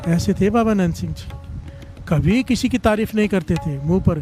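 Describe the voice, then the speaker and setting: A man preaching a devotional storytelling sermon to a congregation, exhorting them to call and respond and rising in pitch as he urges them on. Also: normal speed, faint music behind. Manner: animated, rises in pitch on exhortations. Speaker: Sikh katha preacher. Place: religious gathering before a congregation.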